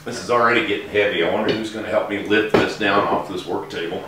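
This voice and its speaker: In this casual demonstration, a middle-aged woodworking instructor talks through each step in a relaxed manner while working inside a large workshop. He speaks fast in a fairly low voice, captured by a camera mic from afar, so the sound is echoey with slight background noise.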